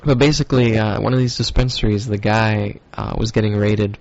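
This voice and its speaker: A man with a low, gravelly voice hosts his own stoner podcast, drifting through his thoughts with frequent ums and casual swearing. The recording sounds dull and lo-fi, like a home setup. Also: steady tone, a little fast, a little mellow. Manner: loose, rambling, profane, with many fillers. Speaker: podcast host.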